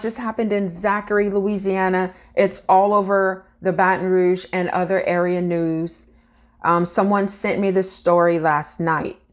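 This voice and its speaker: A woman with a fairly low voice reads out a news report, then drops into a casual, earnest chat with her viewers. She talks to them directly, as if to friends, and keeps a steady, sincere tone throughout. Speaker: vlogger.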